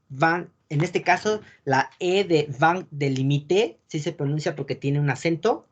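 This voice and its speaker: A man teaching an online wine course over a video call, explaining patiently and often checking in with quick tag questions. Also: a little high, husky, highs cut off. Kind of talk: online class lecture.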